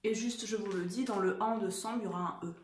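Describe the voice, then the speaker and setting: A woman teacher giving a dictation lesson to young children, spelling out words and letters slowly and carefully. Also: medium pitch, echoey room, slight background noise. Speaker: primary school teacher.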